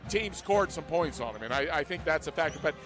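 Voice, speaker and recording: A man's voice: a little high, lively intonation, a little fast. An American man giving live pre-game basketball commentary as a play-by-play announcer.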